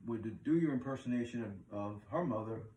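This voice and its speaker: A man's voice: medium pitch, brisk, warm tone, a little hiss or hum. A middle-aged man hosting a casual chat, laughing often and talking loosely with many fillers. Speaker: host. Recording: roomy room, distant mic.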